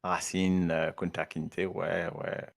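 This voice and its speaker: A man from Mauritius hosting a radio chat, hesitant and halting, laughing often. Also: low-pitched, level tone, vocal fry.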